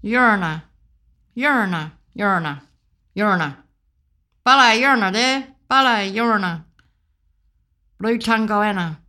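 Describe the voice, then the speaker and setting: A woman speaks at a very unhurried pace and sounds out each term slowly, again and again. After the repeats she adds a brief plain definition. Her voice sits at a middle pitch for a woman. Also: animated, sharp tone. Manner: repeats each word several times, then gives a short definition. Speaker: pronunciation guide reader. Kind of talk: slow, repeated word-by-word pronunciation.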